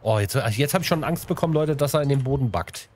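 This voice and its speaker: A man's voice: mid-range voice, lively intonation, fast talker, darkish tone. A man narrating his own gameplay in a casual, chatty way, talking to the animals and to his viewers with playful sing-song bits. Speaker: let's play host.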